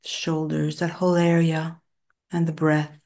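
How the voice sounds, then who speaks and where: A woman guiding a body relaxation and breathing session, speaking slowly and soothingly in short phrases with long pauses, sometimes dropping to a soft whisper. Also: low-pitched, level tone. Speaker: meditation guide.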